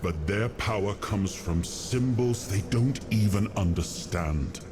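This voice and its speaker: An actor playing a weary, solemn, noble king in a video game, speaking in a grave, measured and deliberate way. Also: fairly low pitch, animated, noisy background. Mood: bitter, disappointed. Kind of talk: dramatic video game cutscene acting. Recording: dramatic music behind the voice. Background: cinematic game music.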